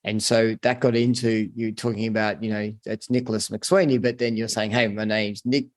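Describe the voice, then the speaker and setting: A man's voice: on the low side, flat delivery, normal speed, a little mellow. A man hosting a podcast interview, talking casually with many restarts and asides. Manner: rambling, many restarts and "you know". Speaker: podcast host.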